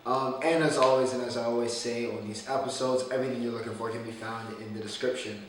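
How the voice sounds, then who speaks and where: A man's voice: mid-range voice, fairly even intonation, quick pace. A man hosting a casual solo sports talk show with a groggy morning voice, rambling and opinionated with frequent restarts. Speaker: sports podcast host. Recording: echoey room, distant mic, faint noise.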